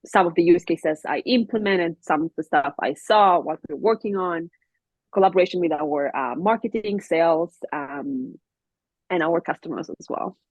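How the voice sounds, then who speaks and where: A woman's voice: on the low side, expressive, moderate pace, creaky, no echo, muffled recording. A woman from Israel, a guest on a podcast, answering questions in a friendly manner with many ums and uhs. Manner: friendly, laughs often, fillers like um and uh. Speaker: guest, tech product advocate. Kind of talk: interview answers.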